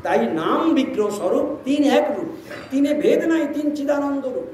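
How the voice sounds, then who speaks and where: A man's voice: very high voice, animated, moderate pace, darkish tone. A man giving a devotional sermon, telling a story and asking the listeners rhetorical questions, often repeating himself. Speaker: preacher. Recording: very echoey room, distant mic, faint noise.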